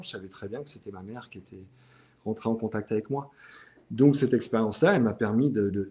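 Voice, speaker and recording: Speaking in a mid-range voice, this middle-aged French-speaking interview guest keeps a relaxed, chatty tone. He hesitates often, restarting sentences and dropping small fillers and plenty of "tu vois".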